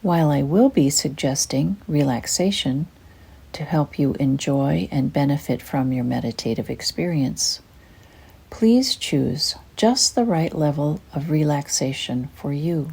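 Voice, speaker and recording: An older woman guides a meditation at an unhurried pace, her voice soft, breathy and husky, gentle and soothing. She speaks low and expressively.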